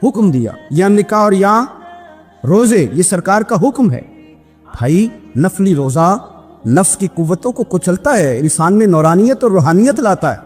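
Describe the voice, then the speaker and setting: A man from Pakistan preaching a storytelling sermon, emphatic, his voice climbing high at emotional peaks. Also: very animated, a little mellow, husky. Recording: long hall reverb with music behind.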